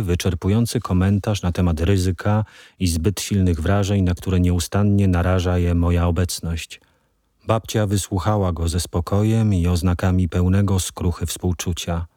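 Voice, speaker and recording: A man narrating a novel as an audiobook in a measured, even storytelling voice. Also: low voice, dry recording, studio quality.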